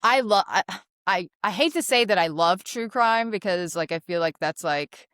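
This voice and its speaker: A woman's voice: mid-range voice, expressive, moderate pace, a bit bright, dry recording, studio quality. A woman host chatting casually in an interview, laughing often and leaning on fillers as she talks. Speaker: interviewer and actress.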